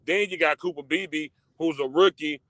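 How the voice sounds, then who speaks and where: A man's voice: on the high side, moderate pace, fairly bright tone, dry recording. A man calling in to a sports chat who explains his view at length and in detail. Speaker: caller.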